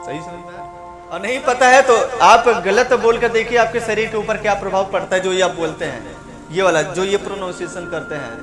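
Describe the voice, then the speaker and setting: High-voiced man teaching. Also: a little fast, over music. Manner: explains with rhetorical questions and repetition. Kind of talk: spoken lesson on mantra pronunciation.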